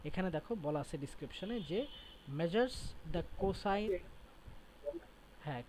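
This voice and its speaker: A man's voice: high-pitched, lively intonation, slow, darkish tone, slight background noise, rough recording. A male teacher gives a classroom lecture, explaining step by step and often checking in with his students.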